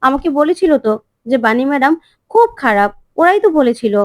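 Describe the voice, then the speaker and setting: A woman's voice: high-pitched, big pitch swings, a little fast, no room sound, clean studio sound. A woman voicing a naive young girlfriend who complains with indignation, in a TV serial retelling. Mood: indignant.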